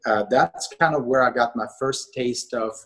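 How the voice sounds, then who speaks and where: Appearing as a talk show guest, a company co-CEO from Austria, middle-aged, converses in an interview. His voice is husky and a bit bright at an ordinary male pitch, and his calm, measured delivery is marked by frequent pauses on little filler words.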